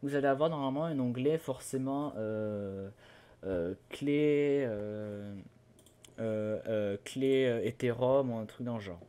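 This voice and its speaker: A young man talks a viewer through steps on his computer in a casual, halting way. He stumbles, restarts and fills pauses as he goes, at an ordinary pitch for a man. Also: warm tone, clear, resonant tone. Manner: hesitant, many fillers and restarts, loses his words. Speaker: tutorial host. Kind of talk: casual screen-recorded tutorial.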